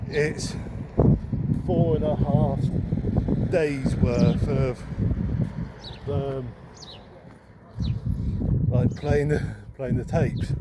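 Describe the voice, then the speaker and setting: A male vlogger and second-hand bookseller muses aloud in a casual, unscripted vlog while walking along a town street, rambling and hesitant. His mid-pitched voice has fairly even intonation, drawn-out words and frequent pauses, with clear traffic and street ambience behind him.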